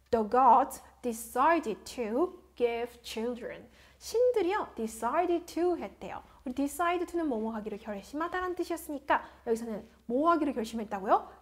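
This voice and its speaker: A woman teaching English vocabulary in Korean, reading each word twice and explaining it, asking questions and answering them herself. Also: high-pitched. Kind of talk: vocabulary lesson.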